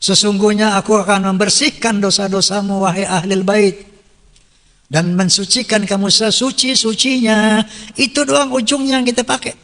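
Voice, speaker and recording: A man with a high voice delivers a sermon, his words ringing out with a long reverb tail as in a large hall. He recites Arabic verses, explains them plainly, and keeps asking questions that he answers himself. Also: level tone, normal speed, fairly bright tone. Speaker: preacher.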